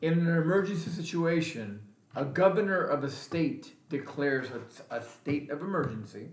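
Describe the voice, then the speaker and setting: A man's voice: on the high side, expressive, moderate pace. Angry veteran man ranting in echo. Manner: angry, emphatic, repeats himself. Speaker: vlogger and veteran. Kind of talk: impassioned political rant. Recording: roomy echo.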